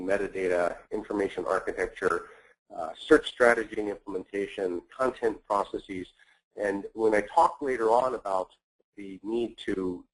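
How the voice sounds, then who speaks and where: A man hosting and presenting a business webinar, speaking in a measured way with frequent filler words. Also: fairly low pitch, low-quality recording. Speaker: webinar host.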